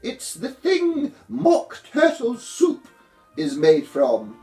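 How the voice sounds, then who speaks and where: A man voicing a bad-tempered, imperious Queen who shouts commands in a storybook reading. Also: very high voice, wildly swooping pitch, extremely slow, roomy sound, faint music behind, voice pushed up, full character voice. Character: shrieking, bossy, bad-tempered Queen, adult woman. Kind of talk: storybook character voice.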